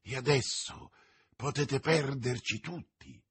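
A man reading aloud, voicing a frightened young woman with urgent, hushed pleading. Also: mid-range voice, takes it slowly, slightly rough, no echo, exaggerated voice. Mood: urgent whisper.

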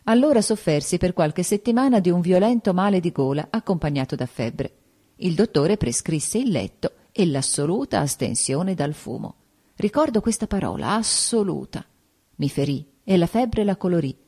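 Woman narrator, measured literary audiobook read, low and mellow. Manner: measured, unhurried storytelling.

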